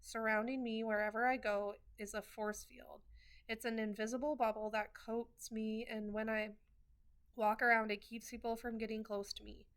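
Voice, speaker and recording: A woman's voice: a little high, little pitch movement, normal speed, smooth. A woman reading a first-person novel chapter aloud, in an earnest way with wry asides and small restarts. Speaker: reader of a novel.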